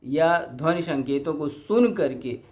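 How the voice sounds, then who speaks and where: Middle-aged male lecturer, unhurried, slightly high voice, rhetorical teaching manner. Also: animated, darkish tone. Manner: deliberate, poses rhetorical questions. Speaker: teacher educator. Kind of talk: explanatory lecture.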